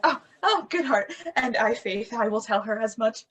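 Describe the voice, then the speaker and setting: A woman acting an old, chatty nurse in an amateur Shakespeare reading, with a husky, exclaiming manner. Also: a little high, lively intonation, normal speed, lo-fi sound. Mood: fussing. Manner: exclaiming, fussing. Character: fussy old female nurse, chatty servant.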